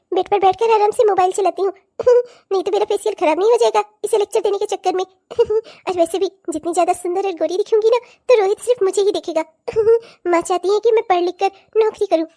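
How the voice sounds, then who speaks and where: A woman's voice: extremely high pitch, mellow. A woman voicing a spoiled, vain young stepsister who talks smugly and giggles. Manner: smug, giggling, boastful. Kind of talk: cartoon voice acting.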